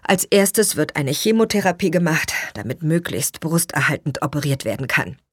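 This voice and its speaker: A woman's voice: sits low, normal speed, breathy edge, no room sound, clean studio sound. A woman voicing the narrator's reserved adult sister in an audiobook, matter-of-fact and restrained. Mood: subdued. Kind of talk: audiobook reading.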